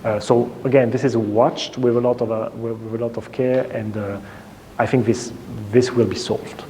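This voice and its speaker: A man's voice: mid-range voice, fairly even intonation, normal speed, warm tone. A man answering audience questions after a conference keynote, hesitant, with many fillers and restarts. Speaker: keynote speaker. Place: large conference hall. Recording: reverberant hall, faint noise.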